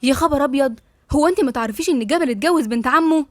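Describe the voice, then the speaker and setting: A sly, smooth-talking Egyptian young woman speaks sweetly and quickly, as a woman reader voices her. Her voice is fairly high and dry. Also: darkish tone, no room sound, lightly acted. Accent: Egyptian Arabic. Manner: tactful, sly.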